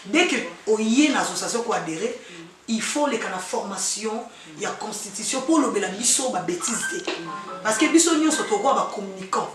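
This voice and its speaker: A woman's voice: mid-range voice, lively intonation, normal speed, music in the background. Congolese woman talking to her association, french and lingala all mixed, far off mic, echoey hall, noisy crowd. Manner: mixes French and Lingala, loose rambling phrasing. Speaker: association leader. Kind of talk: address to a gathering.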